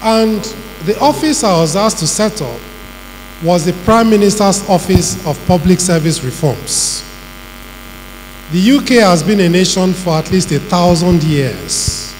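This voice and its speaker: Nigerian-accented man, high voice, echoing hall. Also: animated. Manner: measured, emphatic, lists points. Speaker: panel speaker on governance. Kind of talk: public talk answering questions. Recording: reverberant hall with faint hum.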